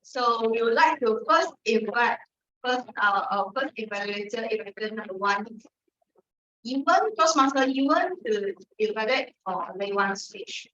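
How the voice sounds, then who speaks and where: A woman's voice: a little high, expressive, normal speed, fairly bright tone. A woman with a Malaysian accent speaking informally at a club meeting in colloquial Singlish-style English, on a dull recording. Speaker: toastmasters meeting speaker and host. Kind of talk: informal club speech and hosting. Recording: dull, lo-fi sound.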